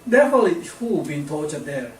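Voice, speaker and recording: Slow-speaking preacher with halting English. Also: male voice, fairly high pitch, big pitch swings, slight background noise. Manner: halting non-native English, repeats words. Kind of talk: sermon preached in English with interpreter. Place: church sanctuary. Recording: echoey church hall, distant mic.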